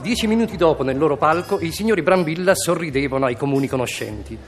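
A man's voice: fairly high pitch, lively intonation, quick pace, soft background music. A man narrating a comic radio story with a playful delivery.

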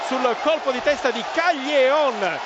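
A man giving breathless, urgent, excited football goal commentary, shouting out the goals. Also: very high-pitched, a little slow. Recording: dull broadcast audio, loud stadium crowd noise. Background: roaring stadium crowd.

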